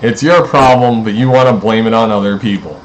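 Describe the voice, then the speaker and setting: A man's voice: lowish voice, brisk, lo-fi sound. A man in a rambling, profane, accusatory monologue aimed at his neighbors.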